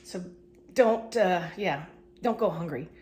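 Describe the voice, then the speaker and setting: In a slow, slightly mellow voice on the low side, a middle-aged vlogger with a cold chats away in her home kitchen. The casual cleaning video has her rambling and teasing herself, her nose clearly stuffed up.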